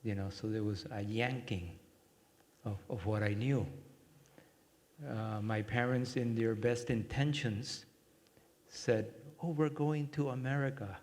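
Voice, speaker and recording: Slow, gentle man in a reverberant hall. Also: fairly low pitch, fairly even intonation. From Cuba. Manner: slow, gentle and reflective, with many pauses. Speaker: workshop speaker. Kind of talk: talk with guided meditation.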